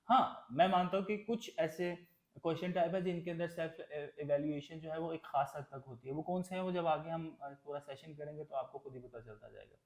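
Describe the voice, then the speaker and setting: A male trainer from Pakistan teaching a test-prep lesson in sprinkled with English terms. His voice sits a little high, and he talks plainly, pausing on fillers and restarting words. The recording carries a noticeable room echo. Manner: explains plainly with many fillers and restarts, mixing English into Urdu. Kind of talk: Urdu-English tutorial lesson.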